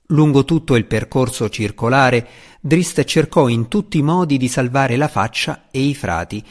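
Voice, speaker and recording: A man reads a fantasy novel aloud as its narrator, his voice set at a middling pitch. He tells the story dramatically, his pitch rising and falling in lively swoops. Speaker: audiobook narrator. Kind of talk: scripted audiobook narration.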